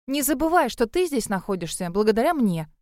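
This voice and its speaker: An eager, impulsive young heroine who speaks with cheerful enthusiasm, read by a woman in an audiobook. The voice is smooth and clear. It is recorded dry and close. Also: a little high, big pitch swings, fairly quick, a little mellow, no echo.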